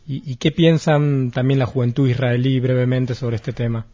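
Man, interviewer, measured questions, dark mellow tone, dull lo-fi audio. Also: medium pitch, level tone. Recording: muffled lo-fi recording.

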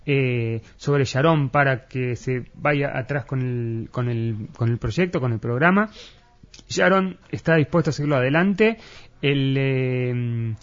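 A man from Argentina with an Argentine accent, explaining politics in an interview, hesitating often with fillers and restarts. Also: fairly high pitch. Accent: Argentine Spanish. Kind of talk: analytical interview talk. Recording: muffled lo-fi recording.

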